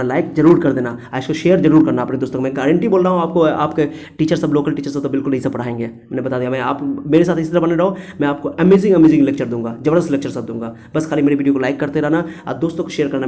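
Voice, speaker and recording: A man's voice: mid-range voice, warm tone. A young man teaching students a memory trick in a chatty way, acting out little voices in his story.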